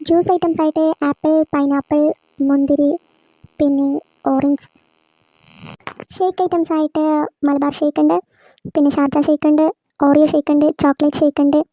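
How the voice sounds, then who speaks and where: A woman voicing a polite, meek young male waiter in a cartoon, speaking softly and apologetically. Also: high-pitched, level tone, moderate pace, pauses often, dry recording, pitched below the performer's own voice, lightly acted, rough recording. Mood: listing. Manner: soft, apologetic, hushed. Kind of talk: cartoon voice acting.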